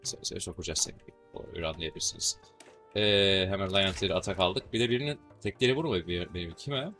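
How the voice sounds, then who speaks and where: A man's voice: low voice, a little fast, bright, forceful tone, soft background music. A man with a Turkish accent giving casual, joking commentary while playing a strategy game, swearing casually as he goes. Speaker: gaming channel host.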